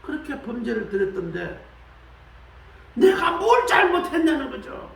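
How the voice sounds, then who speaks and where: A man preaching a sermon in a colloquial, animated way, acting out the voices he quotes. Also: unhurried, vocal fry, reverberant, recorded from a distance, low-quality recording. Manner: animated, acts out quoted voices with shifts of pitch; colloquial, repeats "말이죠". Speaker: pastor. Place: church sanctuary.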